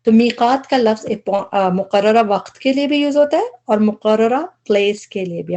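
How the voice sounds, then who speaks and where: A woman's voice: a little high, mellow. A woman teaching a Quranic vocabulary lesson, explaining each word patiently and step by step, with English terms mixed into her speech.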